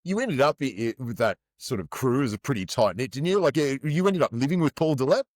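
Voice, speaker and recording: A man's voice: mid-range voice, lively intonation, brisk, no echo, studio quality. A man hosting a podcast interview, asking loose, rambling questions full of fillers. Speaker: podcast host.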